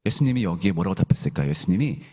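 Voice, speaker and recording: Lively husky-voiced male preacher. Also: deep voice, rapid-fire. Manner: questions the congregation and leads group Bible reading; conversational, animated storytelling. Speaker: pastor. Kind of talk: sermon.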